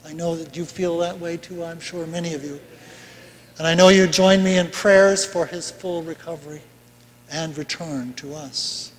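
Older male pastor, higher-pitched, chatty preaching with bursts of emphasis, reverberant sanctuary. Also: steady tone, moderate pace. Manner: conversational preaching with asides and rising emphasis. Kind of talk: sermon. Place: large bright church sanctuary. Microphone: pulpit mic from far camera. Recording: long church reverb.

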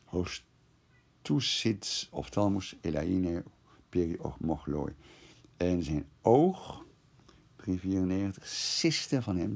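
A man's voice: sits low, gravelly, darkish tone. A man teaching a lesson, translating verse word by word and thinking aloud as he explains the grammar. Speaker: classics teacher.

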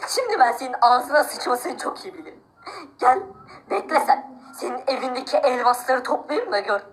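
A woman's voice: high-pitched, big pitch swings, normal speed. A woman voicing a poor, envious villager who complains about the rich and plots revenge in a game-video drama. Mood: resentful. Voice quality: whiny, complaining. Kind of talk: amateur game role-play narration.

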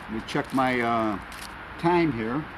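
A man explaining each step as he cooks on an outdoor grill, in a relaxed, casual way. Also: mid-range voice, takes it slowly. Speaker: home cook. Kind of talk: casual cooking demonstration. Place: outdoor grill in a city at dusk. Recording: outdoor street noise.

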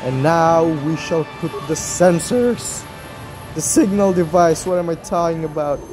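A gaming YouTuber with a hoarse voice, rambling through casual gameplay commentary in a nearly empty room and laughing after almost every line. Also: medium pitch, unhurried, music in the background. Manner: laughs constantly as a habit; rambling, chatty rants. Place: mostly empty room as makeshift studio.

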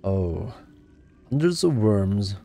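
A man's voice: lowish voice, very animated, takes it slowly, creaky, warm tone. A man casually commenting while playing a video game, muttering reactions as he goes. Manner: reactive, muttering exclamations between reading.

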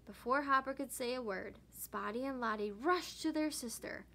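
A woman teacher reading a children's picture book aloud with expressive narration. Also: a little high, normal speed, gravelly. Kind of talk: storybook read-aloud.

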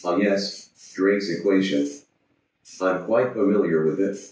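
A man's voice: sits low, a little slow, darkish tone. A man voicing a boastful, pompous robot chatbot that adds beep-boop noises, in a very echoey room, far from the mic. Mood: smug.

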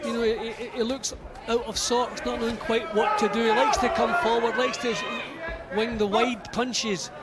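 Man, boxing pundit, high pitch, loud arena crowd. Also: little pitch movement, moderate pace, very noisy. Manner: coaching-style analysis with fillers. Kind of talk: live boxing commentary. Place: ringside at an indoor boxing arena.

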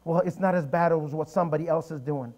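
A man preaching a sermon in a church, with animated storytelling and emphatic repetition. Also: fairly high pitch, fast. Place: church sanctuary.

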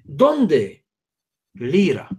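Slow, lively man with a Hungarian accent. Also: on the high side. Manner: lively, unhurried, many asides and "¿sí?" checks. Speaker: guest speaker. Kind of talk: unscripted explanation in an interview.

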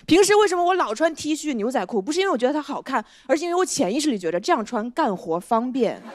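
A woman performing a stand-up comedy set on a studio stage, talking conversationally with deadpan punchlines and often asking the audience "you know?". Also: sits high, quick pace, no room sound. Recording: stage mic with loud audience laughter.

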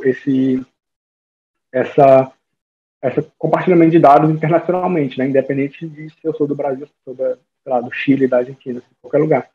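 A man's voice: medium pitch, slightly rough. A young man with a Brazilian accent giving a casual online talk over slides, informal and full of fillers and restarts. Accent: Brazilian Portuguese. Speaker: guest speaker. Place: small room at home. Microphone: webcam or laptop mic on a video call. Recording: phone-like narrow sound.

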